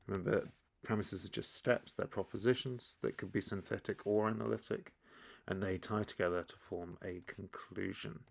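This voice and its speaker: A man with a low, gravelly voice gives an easygoing explainer lesson. He thinks aloud, doubles back on his words and keeps a loose, teacherly flow as he sketches along. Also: normal speed. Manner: relaxed, thinking aloud, frequent restarts. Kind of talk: explainer lesson while drawing.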